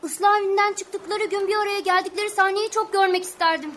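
A woman's voice: very high-pitched, fairly even intonation, fairly quick, a bit bright, slight background noise. A woman voicing a curious young boy who keeps asking questions, in a radio play. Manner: eager, pestering questions.

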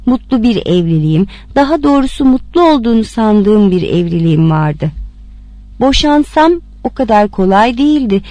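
Woman, story narration, expressive, animated pitch, dry recording. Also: normal speed, no room sound. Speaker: reader.

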